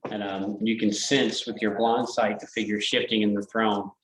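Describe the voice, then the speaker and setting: Low-voiced man narrating as game master. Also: flat delivery, normal speed, reverberant, low-quality recording. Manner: hesitant, filler-heavy descriptive narration.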